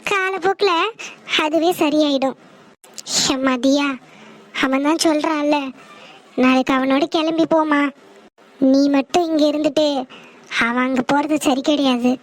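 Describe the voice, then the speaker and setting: A woman voicing the village mothers and bride in an animated family drama, scolding and pleading in a dialect. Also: sits high, a little slow, pauses often. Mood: coaxing. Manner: scolding, rural Tamil dialect. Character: several village women: mother, mother-in-law, bride.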